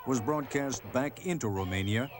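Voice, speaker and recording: A man narrating a television news documentary in a measured, solemn scripted delivery. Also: mid-range voice.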